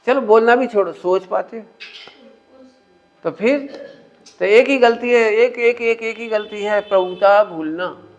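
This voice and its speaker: A religious teacher with a high voice keeps a measured pace, leaving long pauses as he teaches a spiritual discourse. He talks with his audience conversationally, frequently posing questions, captured on a muffled lo-fi recording.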